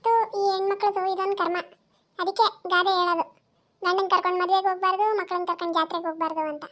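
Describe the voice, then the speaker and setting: A woman voicing a sharp-tongued village mother in a cartoon, nagging and scolding her husband in quick bursts. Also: very high-pitched, flat delivery. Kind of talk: cartoon voice acting.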